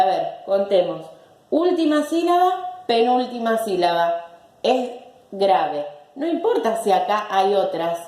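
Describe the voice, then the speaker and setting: A woman's voice: mid-range voice, dark tone, roomy sound. A woman teacher giving a recorded language lesson, patiently repeating words syllable by syllable.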